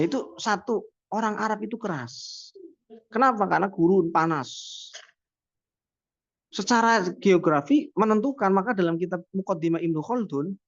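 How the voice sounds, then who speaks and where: A man's voice: sits high, dry recording. A man giving a university lecture, talking conversationally and posing rhetorical questions he then answers. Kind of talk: classroom lecture. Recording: dull, dry lo-fi sound.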